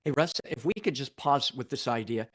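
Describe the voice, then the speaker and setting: A man co-presenting a conference talk in a mid-pitched voice. He cuts in courteously to pass along viewer comments and invite the audience to share their own. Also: moderate pace. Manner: polite, interjecting to relay comments.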